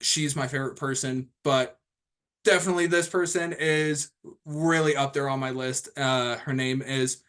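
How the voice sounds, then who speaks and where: A man's voice: medium pitch, steady tone, moderate pace, a bit bright, smooth. Rambling young man hosting a video call. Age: 20s. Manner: rambling, casual, lots of fillers and restarts. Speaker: host of an online training call. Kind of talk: casual self-introduction on a group call.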